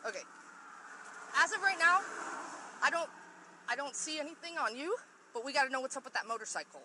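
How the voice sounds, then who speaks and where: Female cop asking questions on scene, talks quick, slight noise outside. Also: high voice, expressive. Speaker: police officer. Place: outdoors at a roadside scene.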